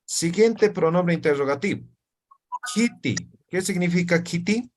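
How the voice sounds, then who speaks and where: A man's voice: high voice, lively intonation, a little slow. A man, an Aymara speaker, teaching an Aymara language class and checking understanding with frequent tag questions. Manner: explains with constant "¿no ve?" tag questions. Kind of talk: classroom lesson.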